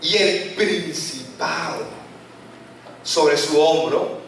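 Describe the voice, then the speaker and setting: A male pastor preaching a sermon, full of rhetorical questions and falling low on key words. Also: very slow, vocal fry, slight background noise. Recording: echoey church hall from far off.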